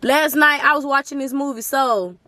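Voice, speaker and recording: A young woman, her voice pitched high. She speaks earnestly and with feeling, calling her viewers y'all. The sound is close and dry, with no room echo. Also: moderate pace, pushed and bright. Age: 20s. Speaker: vlogger. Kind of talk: casual motivational talk to camera.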